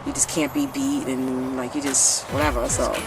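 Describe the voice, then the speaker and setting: A woman's voice: extremely low pitch, big pitch swings, moderate pace, vocal fry. A woman singer talking candidly in an interview, rambling and swearing, with lots of "like". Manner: rambling, profane, full of "like". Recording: music playing under the voice.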